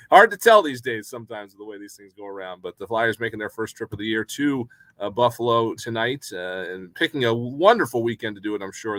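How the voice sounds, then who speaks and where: A man's voice: lowish voice, a bit bright, dry recording. A man hosting a hockey pregame show, chatting casually with many fillers. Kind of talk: casual sports chat.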